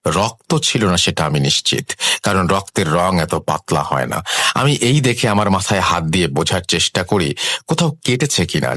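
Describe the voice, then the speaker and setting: A deep-voiced man narrates a spoken horror story in the first person, his pitch rising and falling widely as he builds suspense. The sound is close and dry, with no room echo. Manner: expressive, suspenseful.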